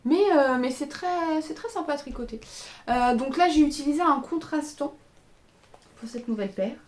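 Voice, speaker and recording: A woman's voice: sits high, normal speed, darkish tone. A woman hosting a knitting podcast, chatting casually at home, hesitant, with many fillers and self-corrections as she shows her yarn. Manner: shows yarn and socks to the camera. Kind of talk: casual chat. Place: indoor room by a window.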